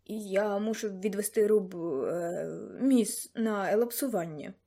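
A woman's voice: medium pitch, steady tone, moderate pace, dark tone, natural voice. A woman reading an audiobook voices a nervous, awkward young man who stammers and hesitates.

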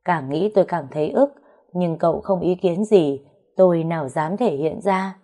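A woman narrating a first-person story in a steady storytelling manner. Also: lowish voice, moderate pace.

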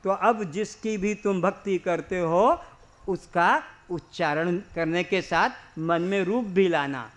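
High-voiced man giving an unhurried spiritual discourse. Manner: explains through rhetorical questions and simple examples; leads slow drawn-out chanting. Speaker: spiritual teacher. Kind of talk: religious discourse to a seated audience.

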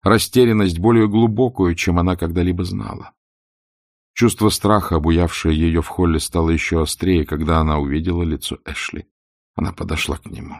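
A male audiobook narrator with a very deep voice and a strong gravelly rasp. He reads in a measured, expressive way, and the recording is dry and close. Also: dry recording.

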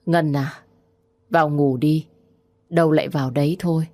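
A woman voicing a gentle old grandmother who speaks in a soft, soothing way, in a storybook reading. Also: low voice, fairly even intonation, normal speed.

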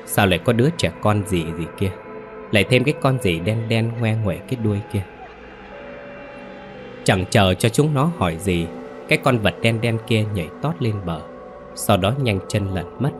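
Man, low voice, scripted ghost story narration, dramatic storyteller.

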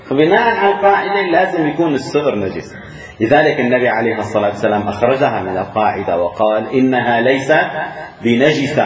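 A man's voice: mid-range voice, slight background noise. A man teaching Islamic law. He lectures on a law text, explains each ruling step by step and repeats the key rulings. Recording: echoey dull room recording.

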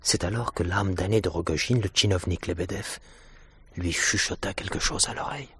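A man with a raspy voice giving hushed, dramatic narration for a 1960s radio drama. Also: deep voice, normal speed, no room sound.

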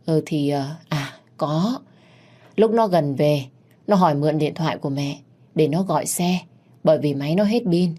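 A woman reading a story aloud, voicing a trusting, soft-hearted older mother who speaks hesitantly and with emotion. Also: low voice, moderate pace.

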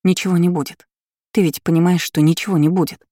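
A prim, flustered young woman with an irritable, nervous edge, voiced by a male audiobook reader. The tone stays dark and flat, close and dry, with little sign of a real female pitch. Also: fast, no echo.

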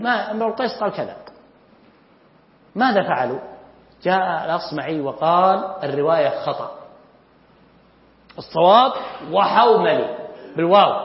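High-voiced man lecturing in an echoey hall. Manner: explains verses line by line, addresses students as brothers, recites poetry slowly. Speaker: Arabic literature lecturer. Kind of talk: classroom lecture on classical poetry. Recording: echoey hall, dull lo-fi sound.

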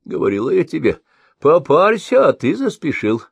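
Reading an audiobook, a man voices a cunning old crone who ferries travelers and mocks them, in a full character voice with huge pitch swings that's gravelly and slightly rough. It's a high, cracked, wheedling old-woman voice, slow, drawn out and sly, with no room sound.

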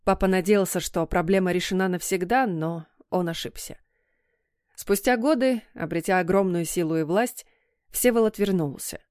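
A woman narrating a first-person story in a steady, measured reading voice. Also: lowish voice, clear, resonant tone, no echo, studio quality. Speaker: audiobook reader.

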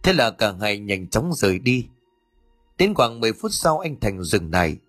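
A man narrating an audiobook story in a steady, even way. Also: fairly low pitch, normal speed, no room sound, soft background music.

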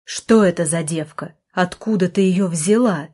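A woman reading an audiobook, voicing an embittered young man in a wheelchair who snarls and yells. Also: on the low side, measured pace, breathy edge. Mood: furious. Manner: snarling, furious outbursts.

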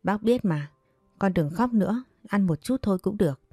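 A woman voicing a gentle elderly neighbor woman. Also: mid-range voice, animated, normal speed, husky, no echo, studio quality. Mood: comforting. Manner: soft, comforting, hesitant.

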